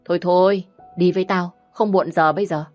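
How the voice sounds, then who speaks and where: A bossy, wheedling young woman friend, as a woman reader puts her on in a storybook reading, pitched a little higher and louder than the low narration. She pleads and teases in a quick, pushy way. Soft music plays underneath. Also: steady tone, natural voice. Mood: pleading.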